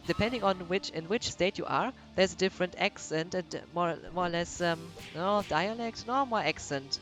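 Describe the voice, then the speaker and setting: A man from Germany, chatting casually while streaming a video game and often pausing to search for English words. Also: high voice, fairly bright tone, faint music behind. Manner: hesitant, searching for words, many restarts. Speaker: let's play streamer. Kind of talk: casual chat while gaming.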